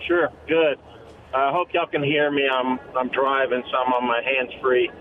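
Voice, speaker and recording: A man's voice: medium pitch, little pitch movement, normal speed. A man calls in on a hands-free car speakerphone, his voice muffled and dull over the line. He talks in long, detailed, self-correcting stretches, with a faint hum of the car behind him. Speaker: caller. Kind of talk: call-in radio question. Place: driving in a car. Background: faint car noise.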